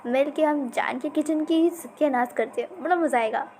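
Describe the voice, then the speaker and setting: A woman voicing a playful, affectionate young man who speaks gently and teases. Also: high-pitched, moderate pace, slight background noise, close to an everyday voice. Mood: teasing. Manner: teasing, gentle.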